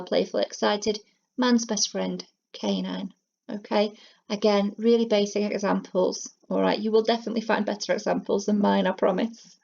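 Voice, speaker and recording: A woman's voice: mid-range voice, vocal fry, darkish tone. A woman working as a teaching assistant, explaining a lesson in a friendly, chatty way with plenty of fillers. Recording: dull lo-fi home recording.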